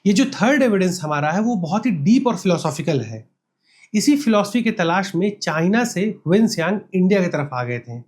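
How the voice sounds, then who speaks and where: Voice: medium pitch, sing-song, moderate pace, husky. A history channel narrator reading a scripted educational explainer step by step, asking the listener rhetorical questions and switching often between Hindi and English phrases. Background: faint background music.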